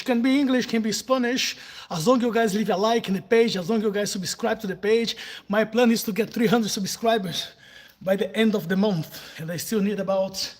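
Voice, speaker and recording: A middle-aged man from southern Brazil with a Brazilian Portuguese accent, a native Portuguese speaker, hosting a casual live stream while working out and teasing his viewers with playful swearing. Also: high voice. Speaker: livestream host.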